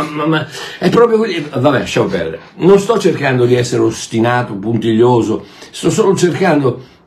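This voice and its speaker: A man preaching a sermon in an emphatic way, asking rhetorical questions and swinging between loud bursts and quiet asides. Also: a little high.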